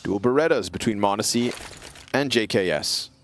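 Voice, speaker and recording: A man's voice: fairly low pitch, animated, moderate pace, a little hiss or hum. A man calling an esports match play by play, with dramatic, punchy caster delivery.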